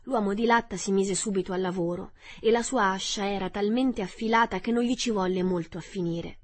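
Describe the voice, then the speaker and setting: A woman narrating a children's storybook aloud in an expressive, dramatic way. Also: mid-range voice, a little fast. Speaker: audiobook narrator.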